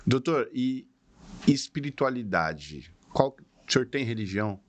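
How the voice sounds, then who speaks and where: A man with a Brazilian Portuguese accent, co-hosting a podcast and asking relaxed, colloquial questions. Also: medium pitch, a little slow. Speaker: podcast co-host. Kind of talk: casual interview questions.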